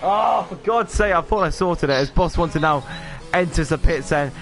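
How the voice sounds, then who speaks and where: Dude doing sim race commentary, kinda high voice, rambles, uses um a lot, some music behind. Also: male voice, animated, normal speed, a bit bright. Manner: rambling, self-deprecating, lots of fillers and "then". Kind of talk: live sim racing commentary.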